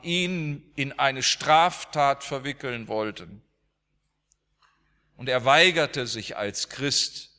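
A male preacher tells a story from the pulpit at an unhurried pace, with emphatic swings. His voice is bright and forceful, and a long church reverb hangs after each phrase. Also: medium pitch. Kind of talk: sermon.

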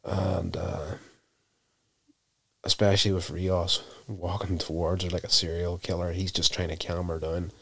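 A man casually recapping a TV episode, telling it in an unhurried, self-correcting way. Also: low-pitched, flat delivery, vocal fry, a bit bright, slightly rough.

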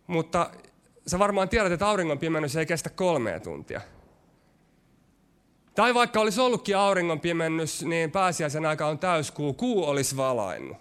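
A man preaching a sermon, his delivery shifting between quick, pressing stretches and slow, hushed lines. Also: fairly high pitch, animated, clear, resonant tone. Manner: varied delivery, rushing ahead then dropping to slow, hushed lines.

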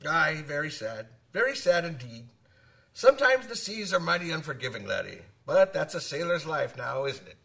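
Here is a man acting a gruff old seafarer with a gravelly, forceful voice. He is a hearty storyteller who lingers over his phrases in dramatic fashion, and his pitch swings freely as he goes. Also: very animated, normal speed, far from the mic, exaggerated voice. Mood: somber, then hearty. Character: gruff old sailor, hearty male spinner of sea tales.

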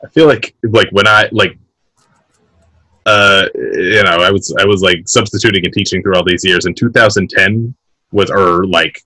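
A man's voice: deep voice, steady tone, normal speed, sharp tone, no echo, poor audio. A man in his late thirties chatting on a podcast, hesitant and full of restarts. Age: 30s. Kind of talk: casual chat.

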